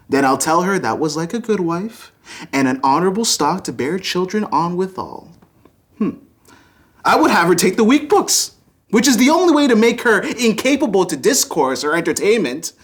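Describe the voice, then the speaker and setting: Arch, swooping Restoration-comedy gentleman, acted out on stage. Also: mid-range voice, very animated, moderate pace. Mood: pompous, gloating. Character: scheming, domineering young gentleman suitor, mocking and self-satisfied.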